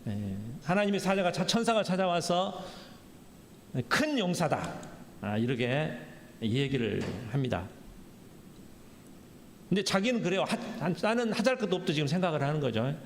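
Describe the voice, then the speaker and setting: Animated gravelly pastor preaching in echoey hall. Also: male voice, a little high, moderate pace. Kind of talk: Sunday sermon. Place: church sanctuary. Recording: echoey church hall, faint background noise.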